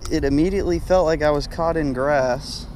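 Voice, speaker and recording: A man's voice: fairly high pitch, fairly quick, darkish tone. A young man from South Carolina giving casual, chatty commentary to his viewers while fishing from a kayak on a lake. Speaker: fishing vlogger. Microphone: head-mounted action camera. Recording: faint outdoor noise from an action camera.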